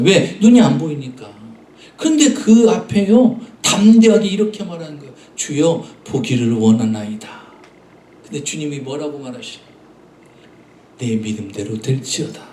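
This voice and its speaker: High-voiced preacher in a roomy church. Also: male voice, sing-song, a little fast, distant mic. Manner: earnest preaching, addresses the congregation often; acts out voices in his stories. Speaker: pastor. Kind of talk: Sunday sermon. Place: church sanctuary.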